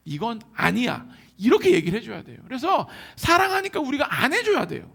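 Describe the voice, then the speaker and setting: A man preaching with a high, gravelly voice that swings widely in pitch. He talks in a casual, animated way and keeps slipping into the voices of the people in his examples. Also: fast talker. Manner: animated, colloquial preaching that acts out quoted voices. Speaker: pastor. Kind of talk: sermon. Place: church hall.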